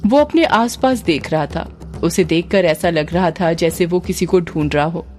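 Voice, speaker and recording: A woman reading a scripted story in a steady, descriptive way as a storyteller. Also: lowish voice, moderate pace, soft background music.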